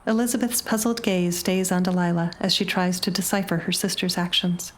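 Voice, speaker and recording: A woman narrates a short story with a low, steady voice. Her delivery is measured and dramatic, shaping each scene for the listener. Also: a little hiss or hum. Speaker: audiobook narrator.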